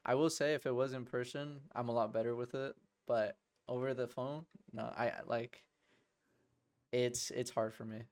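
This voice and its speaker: A man's voice: mid-range voice, steady tone, moderate pace, a little mellow. A young man co-hosting a podcast in casual chat, laid-back and often repeating words as he starts. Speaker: podcast co-host.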